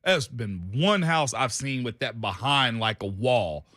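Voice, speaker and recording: A man's voice: mid-range voice, expressive, a little slow, pushed and bright, no room sound, clean studio sound. A man with a Southern US accent co-hosting a talk show, chatting and storytelling in a folksy, colloquial, emphatic way. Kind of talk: casual banter and storytelling.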